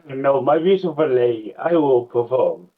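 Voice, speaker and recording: A man playing a boastful, flattering bard who declaims grandly in a tabletop game. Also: medium pitch, moderate pace, phone-quality sound, natural voice.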